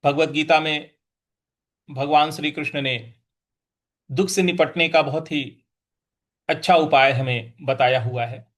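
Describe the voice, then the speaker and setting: A man teaching a scripture verse, patiently breaking down its pronunciation syllable by syllable and chanting the lines slowly. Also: on the high side, fairly even intonation, fairly bright tone. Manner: chants verses in a drawn-out, sung tone. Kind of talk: slow recitation lesson.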